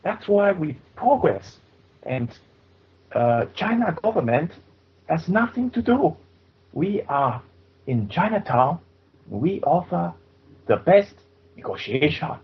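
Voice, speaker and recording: A man doing a deadpan radio host with a thick put-on Transylvanian accent, trolling his guests in broken English. His voice is husky and swoops up and down in pitch. It comes through a dull, lo-fi laptop mic. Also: takes it slowly, pauses often, exaggerated voice. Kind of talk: prank call-in radio chat.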